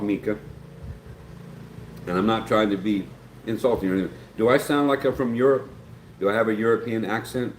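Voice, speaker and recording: A folksy live stream host with a fairly low pitch and an Appalachian American accent, from West Virginia, chats casually and reads viewer messages aloud. His talk rambles, and the echoey room picks up faint background noise.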